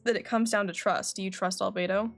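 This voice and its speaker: This game livestreamer speaks a little fast in a gravelly, mid-range voice with fairly even intonation, and faint music plays behind her. She reads the game's dialogue aloud, adds casual comments, and self-corrects as she goes.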